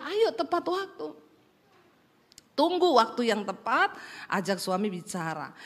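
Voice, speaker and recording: A woman pastor with a Sulawesi accent preaching a sermon, animated and humorous, with a lively rising intonation. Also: on the high side. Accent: Sulawesi Indonesian. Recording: long hall reverb.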